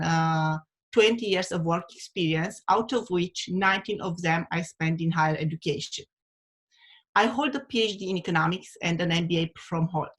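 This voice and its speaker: A woman's voice: on the low side, a bit bright. A woman from Romania, presenting as a university dean on a video call, with hesitant speech full of fillers. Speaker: undergraduate dean. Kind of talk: webinar presentation.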